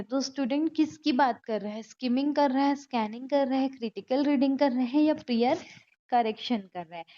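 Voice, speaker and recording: A woman teaching an exam-prep lesson, explaining each answer step by step and reading the English options out slowly. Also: sits high, warm tone, lo-fi sound.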